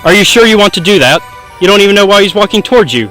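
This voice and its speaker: A man's voice: high voice, animated, rapid-fire, a bit bright, faint music behind. A man playing an exasperated game master in a tabletop comedy sketch. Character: exasperated game master reining in his players.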